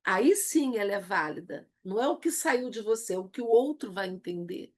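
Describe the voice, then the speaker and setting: A woman's voice: medium pitch, animated, normal speed. A Brazilian woman teaching a recorded Bible lesson, emphatic and acting out the lines she quotes. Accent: Brazilian Portuguese. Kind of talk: recorded church video lesson.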